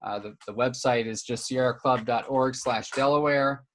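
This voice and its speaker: A man's voice: mid-range voice, steady tone, normal speed, slight background noise. A young man hosting a live stream interview on a video call, casual and full of fillers. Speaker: host.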